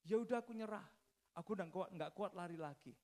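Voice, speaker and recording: A man voicing a cornered, crafty deer that flatters a tiger, in a fable told during a sermon. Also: high-pitched, fast talker.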